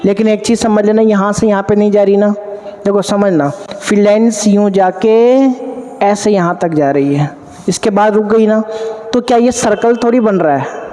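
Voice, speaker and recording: A man's voice: high voice, moderate pace. A male physics teacher lecturing at a board, quizzing students with repeated questions and answering them himself. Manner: addresses students warmly as 'beta'. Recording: long hall reverb.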